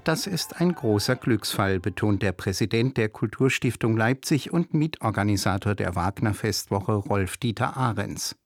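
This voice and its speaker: A man narrating a radio report in a measured, even reading. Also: lowish voice, dry recording. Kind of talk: scripted narration.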